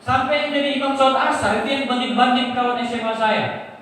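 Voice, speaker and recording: A man telling a convert's testimony to a mosque congregation, animated and jokey, often turning to the audience. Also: very high voice, a little fast. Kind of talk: storytelling talk to a congregation. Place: mosque hall. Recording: echoey hall, distant mic, faint noise.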